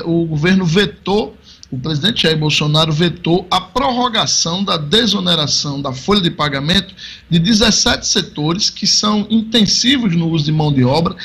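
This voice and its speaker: A man's voice: high-pitched, fairly bright tone, slightly rough. A man, an economics commentator on radio, explaining the news conversationally with frequent check-ins.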